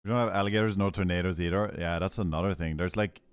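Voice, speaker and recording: A man's voice: sits low, fairly even intonation, quick pace, clean tone, no room sound. Laid-back Norwegian man, dry close sound. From Norway. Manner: laid-back, profane, full of gamer slang. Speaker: game streamer. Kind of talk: casual stream chat.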